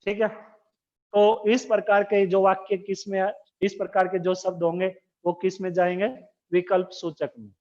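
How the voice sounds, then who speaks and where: A man teaching a school grammar lesson, slowly dictating terms and repeatedly asking the class questions. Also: high voice, monotone, a little mellow. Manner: slow, repetitive dictation. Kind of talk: recorded Hindi grammar lesson. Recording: dull lo-fi recording.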